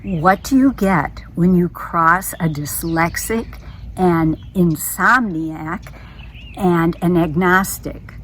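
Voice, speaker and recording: A woman delivers one-liner jokes with very slow, deliberate setups. Her voice sits slightly low. A faint hiss lies behind her. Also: a bit bright. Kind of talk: deadpan joke telling.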